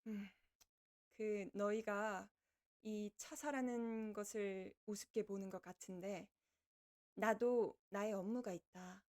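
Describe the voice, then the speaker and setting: A woman's voice: medium pitch, fairly even intonation, takes it slowly, a little mellow, natural voice. A woman voicing a kindly, lordly female reaper from the underworld who chats to livestream viewers in archaic speech. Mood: composed, announcing. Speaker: virtual streamer hosting a debut live broadcast. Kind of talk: in-character livestream chat with viewers.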